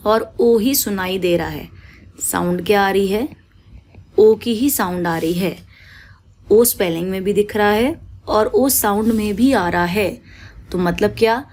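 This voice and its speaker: A woman's voice: medium pitch, a little mellow. A woman teaching shorthand on a shared screen, patient, repeating each rule and drawing out vowel sounds in her examples. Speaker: stenography teacher.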